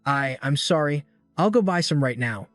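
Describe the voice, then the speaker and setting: Guy doing a scared stuttery kid, nervous, higher voice, music faint behind. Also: lively intonation, moderate pace, dry recording, close to an everyday voice. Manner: stuttering, fearful. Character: timid young male student, easily scared.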